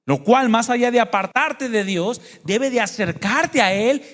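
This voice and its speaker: A man preaches earnestly to a congregation, his fairly high voice carrying through a church hall with a long reverb tail. He shares his own testimony and asks the listeners questions, calling them brothers and sisters. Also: a little slow, fairly bright tone. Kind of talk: sermon.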